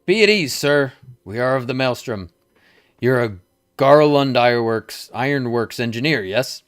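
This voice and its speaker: A dutiful military lieutenant, as a man reads the game lines aloud, formal and clipped. The voice sits a little higher than his own, up close and dry. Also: expressive, measured pace, smooth, no room sound, natural voice. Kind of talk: reading game dialogue aloud in character.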